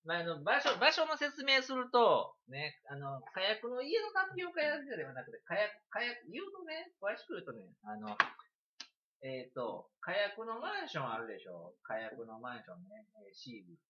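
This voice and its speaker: A man with a Kansai accent, chatting and telling a story on a livestream in an animated, giggly way. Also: high voice, moderate pace, muffled recording. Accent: Kansai Japanese. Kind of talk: casual rambling storytelling.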